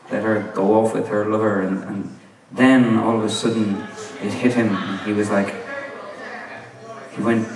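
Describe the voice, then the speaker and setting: A man, a singer-songwriter rambling wryly through a story on stage between songs. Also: mid-range voice. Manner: rambling, wry, with laughs and profanity. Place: large concert venue. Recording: live concert, roomy and distant.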